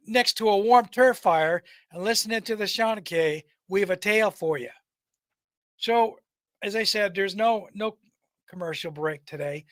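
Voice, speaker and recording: High-voiced man, bright storytelling podcast narrator. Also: no room sound. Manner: stumbles and repeats words while reading. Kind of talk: scripted narration, reading a folk tale.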